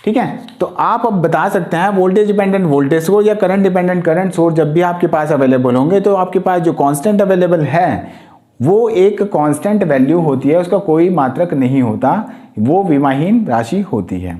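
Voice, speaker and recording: Higher-voiced man teaching an exam lesson. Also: normal speed, mellow. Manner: explains step by step, addressing students directly. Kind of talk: exam-prep lecture.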